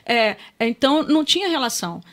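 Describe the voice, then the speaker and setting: Middle-aged carioca woman, high voice, chatty and emotional, swears casually on a podcast. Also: fast talker. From Rio de Janeiro, Brazil. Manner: lively, emotional storyteller who swears casually. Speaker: guest. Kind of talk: casual storytelling in a podcast chat.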